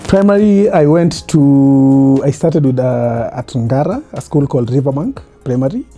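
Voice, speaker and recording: A man's voice: mid-range voice, moderate pace, faint music behind. A Kenyan man in his thirties, a podcast guest telling his life story in an easy, reflective way with frequent laughs. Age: 30s. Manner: relaxed, reflective, laughs often. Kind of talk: casual interview.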